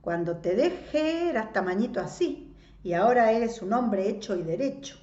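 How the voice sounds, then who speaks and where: A woman's voice: a little high, animated, moderate pace, a little mellow, roomy sound, highs cut off, voice pushed up, close to an everyday voice. Woman reading an ironic, proud returning godson. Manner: ironic, arrogant.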